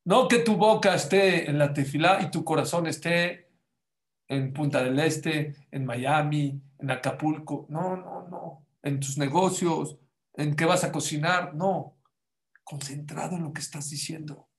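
A man, a religious teacher who tells children stories and teaches them in an animated way, repeating words and asking them questions. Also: on the high side, a little slow. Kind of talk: lesson and storytelling for children.

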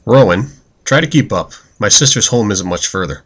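A man's voice: fairly low pitch, expressive, moderate pace, fairly bright tone, slightly rough. A man voicing an impatient, sarcastic young man who talks in curt, pushy lines, read in an audiobook.

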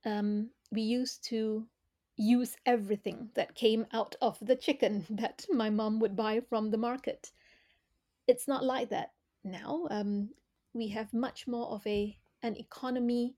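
A middle-aged woman from Malaysia speaks as a podcast guest, her voice on the higher side yet warm and mellow. She answers in a measured, reflective way, pausing on fillers as she builds her points. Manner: thoughtful, measured, with frequent fillers. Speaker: podcast guest, former corporate director.

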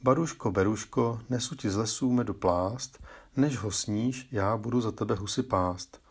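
A man's voice: lowish voice, gravelly, husky. Man voicing a tender little songbird. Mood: tender singsong. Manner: soft singsong rhyming lines. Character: gentle little male songbird, tender and loyal.

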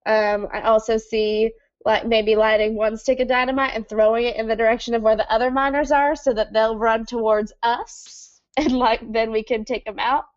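Playful, higher-pitched woman at game table. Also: steady tone, moderate pace, hardly any pauses, dull audio. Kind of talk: casual game-table chat.

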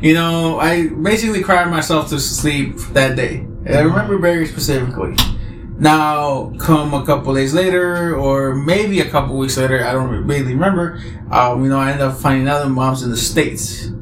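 A man's voice: fairly high pitch, normal speed. Laid-back storytelling man, echoey room. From Oaxaca, Mexico. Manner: laid-back, storytelling, frequent "you know". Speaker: guest chef. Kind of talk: casual interview chat. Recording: echoey room, clear background noise.

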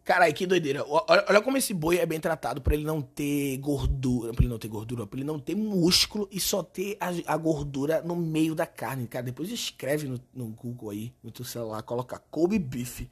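A hoarse, hungover man with a Brazilian accent, telling stories in a slangy, animated, sweary way as a comedian hosting a casual podcast. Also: a little high, brisk, few pauses. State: hoarse from a hangover and shouting. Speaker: podcast host and stand-up comedian. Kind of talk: casual comic podcast monologue.

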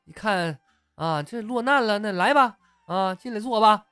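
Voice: mid-range voice, animated, moderate pace, bright, forceful tone, smooth, no echo, faint music behind. A storyteller telling a comic tale casually, chuckling along and using many fillers. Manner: chatty, laughs at own story, many fillers. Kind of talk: comic oral storytelling podcast.

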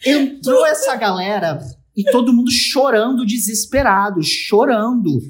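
A young man with a Brazilian Portuguese accent, co-hosting a podcast and telling a story in a lively, laughing way with quick asides. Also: very high voice. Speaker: podcast co-host. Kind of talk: casual storytelling chat.

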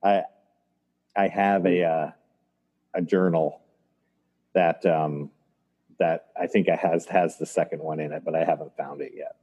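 A man talking over a video call in a reflective conversation, thoughtful and halting as he recalls the past. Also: sits low, steady tone, breathy edge. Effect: voice heard over a video call. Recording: dull, lo-fi video call audio.

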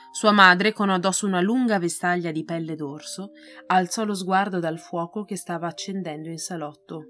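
A woman reads a novel aloud, telling the story in an expressive, measured way. Her voice sits at a middle pitch, and faint music plays beneath the reading. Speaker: reader.

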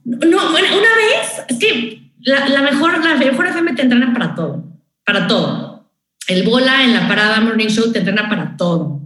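A woman with a Mexican accent chatting as a guest, a lively storyteller who acts out other voices. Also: on the high side, moderate pace, echoey room. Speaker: radio host guest. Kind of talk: casual interview chat.

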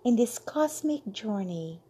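Very slow, whispery woman meditation guide. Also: a little high, lively intonation, dark tone. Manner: slow, soothing, drawn-out delivery with breathy whispered endings.

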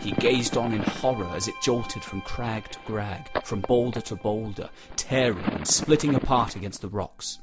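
A man reading a dramatic storybook prologue aloud in a slow, measured way. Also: on the low side, loud music behind the voice. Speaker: audiobook reader. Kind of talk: storybook narration.

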